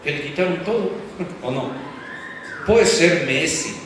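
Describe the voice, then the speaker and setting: A man's voice: a little high, expressive, takes it slowly, a bit bright. A man preaching a sermon, emphatic and asking the congregation questions as he goes. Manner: emphatic, asks the congregation questions, uses football comparisons. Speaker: pastor. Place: church hall. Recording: echoey church hall from far off, faint background noise.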